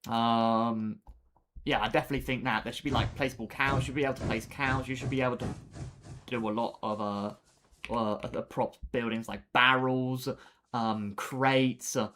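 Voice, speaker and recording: A young man talks loosely to his live-stream viewers as he builds in a game. His voice sits at an ordinary middle pitch, he laughs easily and trails off into fillers, and faint keyboard typing can be heard behind him. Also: steady tone, normal speed, background noise. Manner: laid-back, chatty, laughs often, trails off with fillers. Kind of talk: casual live-stream chat while gaming.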